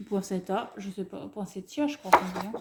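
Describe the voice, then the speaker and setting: A woman's voice: medium pitch, steady tone, fast talker. A woman casually chatting through a craft supply haul, showing items one by one and correcting herself as she goes. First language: French. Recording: echoey room with faint noise.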